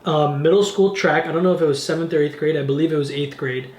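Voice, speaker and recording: A man's voice: a little high, steady tone, fast, darkish tone. A man in his twenties hosting a podcast, joking around and swearing casually as he chats. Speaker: podcast host. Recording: echoey room.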